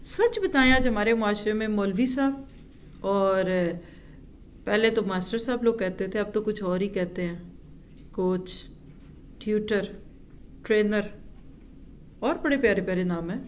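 A woman teaching a religious lesson. She asks her listeners rhetorical questions and recites Arabic verses slowly. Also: medium pitch, dull audio, slight background noise. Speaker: Quran teacher.

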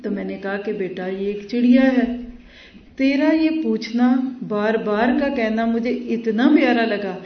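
A tender, patient old father explains himself softly to his son, voiced by a woman within her lesson. The voice stays close to her everyday tone. It comes from far off in an echoing room. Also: fairly high pitch, highs cut off, close to an everyday voice. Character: gentle loving old father.

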